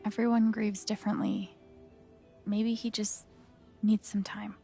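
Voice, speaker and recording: Game heroine: kind, unsure young woman voiced by an actress, average pitch, hesitant inner monologue over music. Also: flat delivery, unhurried, mellow, lightly acted. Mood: concerned. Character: young woman, bereaved sister, self-doubting and kind.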